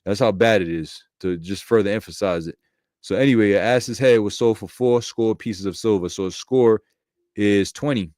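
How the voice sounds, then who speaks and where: A man's voice: fairly low pitch, normal speed, a little mellow, no room sound, studio quality. A man giving casual scripture commentary in slangy, profane street talk, thinking aloud and correcting himself as he goes. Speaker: bible commentator.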